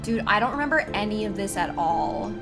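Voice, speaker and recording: A woman's voice: mid-range voice, lively intonation, a little fast. A woman in her thirties giving casual, chatty gameplay commentary as a streamer, often exclaiming in surprise. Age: 30s. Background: game music.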